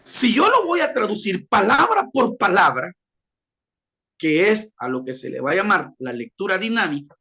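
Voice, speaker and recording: A man's voice: sits high, very animated, moderate pace, bright, forceful tone. A man teaching a class, explaining by repeating his examples and speaking straight to his listeners. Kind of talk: classroom lecture.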